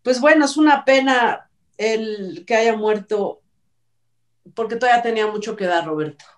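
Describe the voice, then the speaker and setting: A middle-aged woman with a Mexican accent co-hosts an entertainment talk show, offering chatty, opinionated news commentary. Her voice is on the high side and moves at normal speed. She's recorded over a video call from a distant mic.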